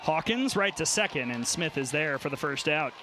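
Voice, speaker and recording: Male play-by-play commentator, high voice, clipped phrasing, crowd noise behind. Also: animated, normal speed. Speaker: play-by-play announcer. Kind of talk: live softball play-by-play commentary. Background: crowd and outdoor ballpark noise.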